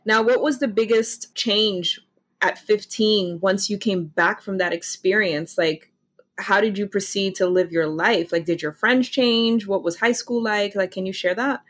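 A woman's voice: medium pitch, a little slow. A woman from the Netherlands hosting an interview, who encourages her guest and asks open follow-up questions. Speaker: interview host. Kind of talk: conversational interview.

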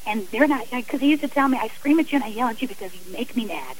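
A middle-aged woman, an author and abuse survivor, gives personal testimony as a guest in a radio interview, speaking earnestly, emphatically, and conversationally. Her slightly high voice has lively intonation and comes rapid-fire, on a rough recording with slight background noise.

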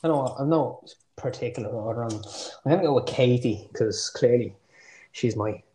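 An Irish man co-hosting a casual podcast chat, thinking out loud and swearing now and then. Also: mid-range voice, normal speed, breathy edge. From Ireland. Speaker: podcast co-host. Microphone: remote call mic.

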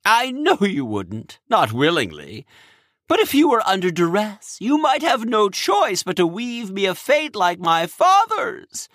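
A man voicing a nervous, excitable male king of the gods who speaks urgently and shakily. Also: high voice, a little slow, no room sound, clean studio sound, voice pushed up, heavily acted. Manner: urgent, rising, shaky.

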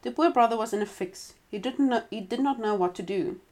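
A woman's voice: a little high, a little fast, darkish tone. A woman reading a folk tale aloud to a listener, breaking off for casual asides. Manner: conversational, with frequent asides and restarts. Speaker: storyteller.

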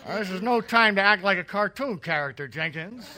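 A man's voice: sits high, lively intonation, fairly quick, very noisy. A man playing an irritable, theatrical gangster schemer in old-time radio comedy, stammering and exclaiming. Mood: irritated.

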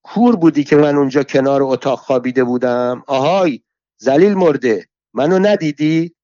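A man doing a shrill, brawling old woman from a storybook, hurling curses in a raised, strained voice. The recording is dry and dull, with no room sound. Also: no room sound, natural voice. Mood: scolding. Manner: shouting insults, abusive, theatrical. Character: shrill foul-mouthed quarrelsome old pilgrim woman.

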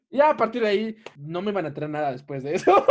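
Animated Mexican man telling a story. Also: high voice. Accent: Mexican Spanish. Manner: animated storytelling, laughs often. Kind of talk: casual podcast chat.

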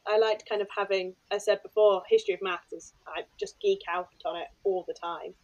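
A podcast host who used to teach maths chats casually and eagerly, sprinkling in fillers like "kind of" and "like." Her medium-pitched voice is brisk with fairly even intonation, and the recording sounds muffled.

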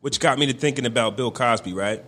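A man's voice: mid-range voice, fast talker, a bit bright. A young man with a mid-range voice co-hosts a casual podcast chat. He argues his points in an opinionated way and keeps checking in with "right?" and "you understand what I'm saying?". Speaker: podcast co-host.

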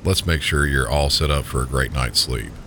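Man, sleep story narrator, Southern US accent, extremely low pitch, soothing, calm, unhurried, clear rumbling background noise. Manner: calm, gentle, unhurried guiding. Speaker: sleep story podcast host. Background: low pink-noise rumble.

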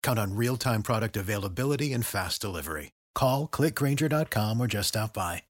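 A man reading a scripted radio-style advertisement in an earnest, steady manner. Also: fairly low pitch, a little fast, dry recording, clean studio sound. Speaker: ad announcer. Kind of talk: scripted ad read.

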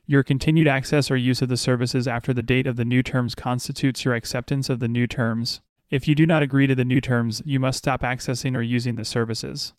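A man narrating as a sleep story host, reading in a measured, deliberate bedtime style. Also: medium pitch, no room sound, studio quality. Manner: measured, unhurried, deliberate phrasing.

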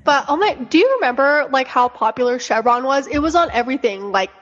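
Young female co-host, fairly high voice, girly casual chatter full of fillers, muffled lo-fi sound with reverb. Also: lively intonation, brisk. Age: young adult. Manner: girly, filler-heavy talk peppered with "like". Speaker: podcast co-host. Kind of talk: casual chat. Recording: dull, echoey lo-fi recording.

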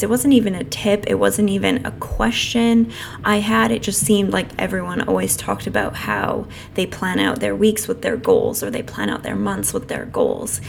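A woman hosting a solo podcast talks to listeners in a chatty, informal way, her slightly hoarse voice starting to give out. She drops apologetic asides about it. A noisy truck rumbles past outside, and that background noise comes through clearly.

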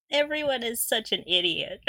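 A woman co-hosts a casual fan podcast, recapping with gushing enthusiasm and giggling often, frequently dissolving into laughter. Her voice sits a little high with a sharp tone, and the recording has no room sound.

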